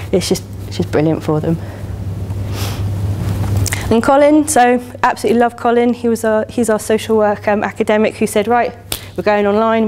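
This conference keynote comes from a woman in her thirties with an English accent, positioned at a lectern in a lecture hall. She sounds chatty and eager, leaning heavily on "you know." Her mid-range voice is a little mellow, and the recording carries a slight hiss or hum.

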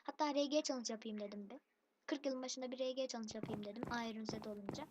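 A woman's voice: fairly high pitch, fast. A woman commentating her own game for a channel, irritated and complaining, calling rivals noobs. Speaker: gaming channel host. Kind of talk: let's play commentary. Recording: noisy background hiss.

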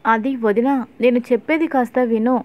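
A woman's voice: fairly high pitch, normal speed, darkish tone, lightly acted. Woman reading as a pleading young husband. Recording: tinny phone-like audio.

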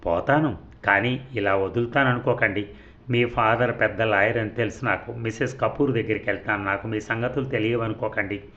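A man's voice: lowish voice, fairly even intonation, normal speed, a bit bright, muffled recording, natural voice. A man voicing a wronged young woman who pleads and threatens through tears. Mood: angry, tearful.

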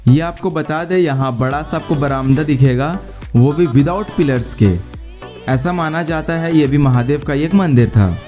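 A man narrating a travel guide in a steady, explaining way, slightly high-pitched and mellow in tone. Faint music plays under his voice-over. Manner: steady explanatory guide tone, mixing English words into Hindi. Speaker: travel vlogger. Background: faint background music.

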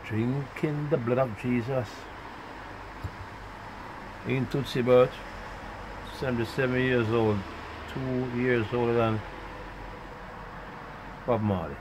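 A man ranting in a profane monologue, rambling and swinging between loud outbursts and muttered asides. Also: mid-range voice, fairly even intonation, slow pace, long pauses, noisy background. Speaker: vlogger.

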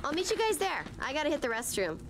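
A woman's voice: sits high, sing-song, fast, over loud music. An actress playing a confident, blunt young woman who rides motorbikes. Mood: warm. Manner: self-assured, blunt. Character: tough young cloud woman, confident biker.

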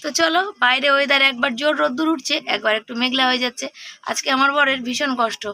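A middle-aged woman vlogger, hoarse from a cold, chatting casually to her viewers while she cooks in her home kitchen. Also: sits high, fairly even intonation, fast, bright, forceful tone. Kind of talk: casual cooking vlog chat.

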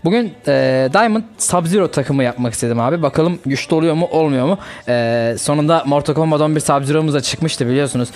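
A young man hosting a gaming channel, chatting casually and reacting excitedly to a mobile fighting game as he plays. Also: a little high, a little fast, hardly any pauses.

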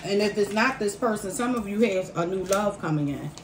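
A woman's voice: medium pitch, lively intonation, a little fast. Lady doing a casual tarot reading, repeats herself for emphasis, mic kinda far, bit of background noise. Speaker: tarot reader. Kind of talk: casual tarot card reading, speaking to viewers. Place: indoor room at a table by a window. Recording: roomy, distant mic, faint background noise.

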